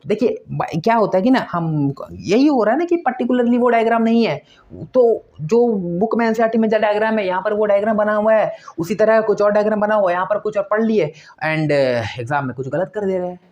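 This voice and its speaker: A man's voice: high-pitched, fairly quick, darkish tone, muffled recording. A male exam-prep teacher giving motivational study advice to students, emphatic and repetitive, firing off rhetorical questions. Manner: emphatic, repeats points, asks rhetorical questions.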